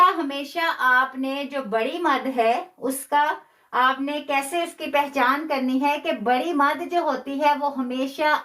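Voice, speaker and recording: A woman teaching a live online Quran class, patiently repeating key phrases and slowing down to demonstrate pronunciation. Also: sits high, fairly bright tone. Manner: stretches words slowly when demonstrating pronunciation.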